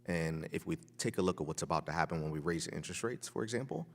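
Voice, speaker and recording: A man testifying as a witness at a hearing, giving rapid answers full of figures. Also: deep voice, big-room sound.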